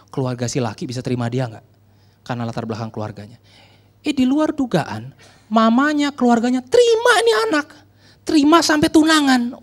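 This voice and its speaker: A male preacher telling a story in a sermon, conversational and joking, acting out the people in it. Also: high voice.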